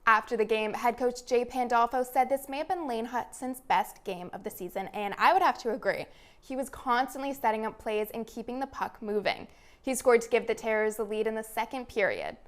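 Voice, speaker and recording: A young adult woman, a student sports anchor with a slightly high voice, reads scripted sports news. Her delivery is measured and presentational, like a newsreader.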